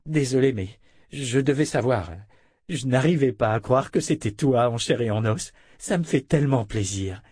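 A man's voice: medium pitch, expressive, normal speed, a little mellow, slightly rough, dry recording, studio quality. A man as a blunt young swordsman. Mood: firm.

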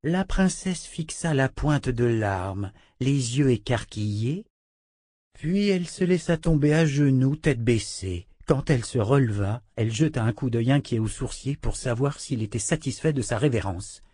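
A man narrating a fantasy audiobook in a measured, expressive reading. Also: mid-range voice, no echo, studio quality.

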